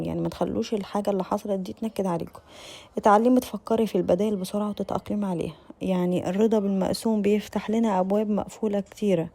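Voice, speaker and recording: A young adult Egyptian woman with an Egyptian Arabic accent talks in a medium-pitched, warm voice. She's a lifestyle vlogger chatting casually in voice-over, speaking directly to her viewers and restarting her sentences often.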